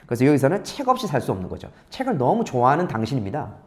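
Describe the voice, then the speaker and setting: A Korean-speaking man teaching English speaking, reading English lines slowly and explaining them briskly. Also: mid-range voice, huge pitch swings, darkish tone. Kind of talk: lecture.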